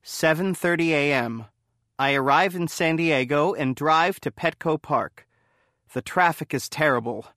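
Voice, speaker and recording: A man's voice: fairly high pitch, unhurried, fairly bright tone, no echo. Man reading a story in a dry voice. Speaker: narrator. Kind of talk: first-person story reading.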